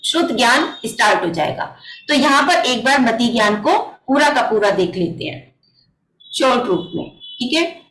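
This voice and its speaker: A woman's voice: high voice, fairly bright tone, echoey room, poor audio. A woman teaching a religious text class over a video call, patiently explaining each point step by step and asking rhetorical questions. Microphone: computer mic on a video call.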